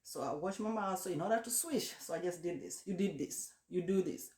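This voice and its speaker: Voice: medium pitch, fairly quick, a little mellow. A person speaking casually in a first-person vlog, explaining practical tips to the viewer in a repetitive way. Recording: roomy, echoey sound.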